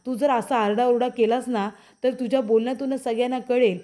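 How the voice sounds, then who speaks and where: A woman's voice: a little high, steady tone, fairly quick, mellow, lightly acted. A woman voicing a young husband, soothing and coaxing. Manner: soothing, coaxing, repeating pleas. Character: young husband calming his wife.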